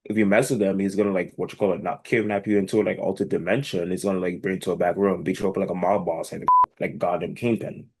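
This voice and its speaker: Very deep-voiced man riffing casually. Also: steady tone, quick pace, a little mellow, breathy edge. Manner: blunt, swearing, searching for words. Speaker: podcast co-host. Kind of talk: casual movie review chat. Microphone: podcast microphone.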